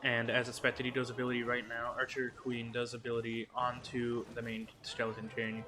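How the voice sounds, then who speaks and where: A man giving quick, excitable play-by-play commentary on an esports match, with jokey asides. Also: mid-range voice, background noise. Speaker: esports caster.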